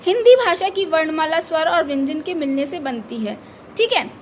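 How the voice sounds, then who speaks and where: High-voiced woman teaching a class. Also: animated, moderate pace, a little hiss or hum. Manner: patient, repeats key words, asks and answers own questions. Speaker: school teacher. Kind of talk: explaining a lesson to children.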